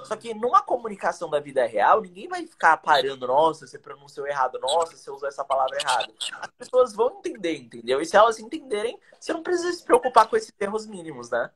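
A young English teacher from Brazil talks fast with few pauses, his fairly high, fairly bright voice swooping wildly in pitch. Energetic and full of slang and rhetorical questions, he chats on a video call in a casual live stream of teaching tips. A webcam captures him in a small indoor room.

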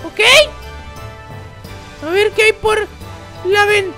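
A performer voicing Bebe Timo, an excitable, dramatic baby boy with squeaky, shrieking outbursts, in a Minecraft role-play. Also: very slow, faint music behind, exaggerated voice. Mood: excited. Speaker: host.

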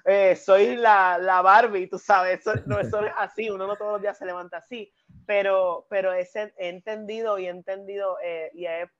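A woman's voice: medium pitch, fairly even intonation, a little fast, highs cut off. A woman co-hosting, talking in an earnest, emotional way about how a talk moved her. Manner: emotional, earnest, with many restarts. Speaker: co-host. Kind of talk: casual heartfelt chat.

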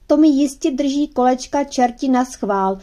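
A woman's voice: high voice, mellow, voice pushed up, lightly acted. A woman voicing a small, stubborn boy in a children's audiobook, speaking eagerly. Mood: determined.

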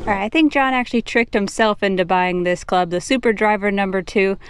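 A young woman narrating a casual golf vlog in a relaxed, lightly teasing way. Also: medium pitch, brisk, slight background noise. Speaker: co-host. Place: outdoors.

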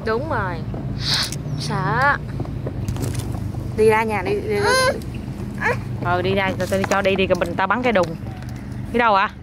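A woman's voice: medium pitch, moderate pace, long pauses. A mother, chatting with her toddler outdoors and coaxing them in a playful, repetitive way. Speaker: mother filming her child. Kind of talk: casual chat with a toddler. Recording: faint outdoor noise.

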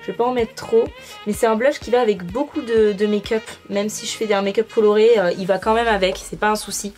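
A woman's voice: medium pitch, steady tone, brisk, darkish tone, faint music behind. A young adult woman talking casually through a makeup tutorial as a beauty vlogger, with frequent fillers. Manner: chatty, many fillers.

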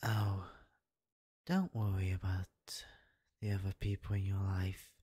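Breathy, demonic-soft-spoken devil prince, acted by a man, ASMR role-play. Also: low voice, level tone, dry recording, clean studio sound. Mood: coaxing, possessive. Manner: slow, intimate demonic soft voice, coaxing with veiled threats. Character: possessive young male devil prince, obsessively in love, menacing.

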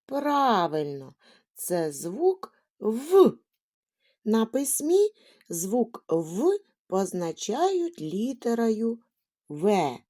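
Slow sing-song woman teaching small children. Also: medium pitch, dark tone. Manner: questioning, drawn-out words, rhyming verses. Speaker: kindergarten teacher.

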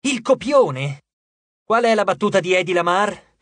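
A man's voice: sits high, animated, a little slow, dry recording, pitched above the performer's own voice. A man voicing a cheeky, theatrical schoolboy who plays director, with a hammy, bossy delivery. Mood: theatrical, imperious.

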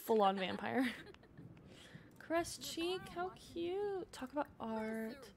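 A woman's voice: sits high, slow, vocal fry. A young woman streaming a life-sim game from home, chatting casually with her viewers and reacting as she plays. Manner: chatty and excitable, reading chat aloud. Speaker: Twitch streamer. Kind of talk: casual gameplay streaming chat.

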